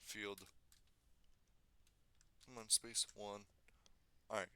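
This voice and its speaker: A man giving a casual screen-recorded software tutorial, thinking aloud and correcting himself as he goes, slightly losing his voice. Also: on the low side, little pitch movement, drawn-out words, smooth, no room sound. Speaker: tutorial maker.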